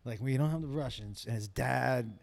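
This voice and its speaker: A man's voice: medium pitch, moderate pace, vocal fry, darkish tone. A man who works as a comedian, telling stories in casual chat, swearing freely and laughing through his punchlines. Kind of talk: casual podcast chat, storytelling.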